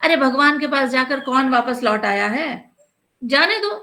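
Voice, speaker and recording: A woman's voice: high voice, animated, unhurried, bright, forceful tone, voice pushed up, exaggerated voice. A woman voicing a bewildered male police chief who asks puzzled questions.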